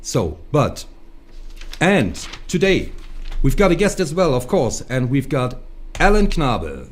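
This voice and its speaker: A man co-hosts a casual chat, introducing a guest and often breaking off to restart his sentences. His pitch sits in an ordinary middle range for a man. He is speaking over a video call. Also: wildly swooping pitch, takes it slowly. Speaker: co-host.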